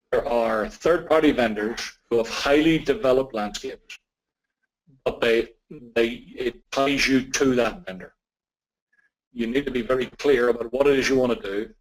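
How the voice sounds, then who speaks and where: Answering questions in his capacity as a tech expert, a man from Ireland speaks carefully and deliberately, using emphatic repetition. His voice is mid-range, and the audio is poor.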